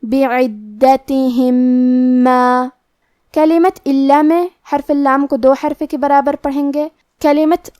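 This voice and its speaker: A woman's voice: sits high, a little mellow, dry recording, clean studio sound. A woman teaching the rules of Quran recitation, explaining each rule step by step. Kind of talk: tajweed lesson.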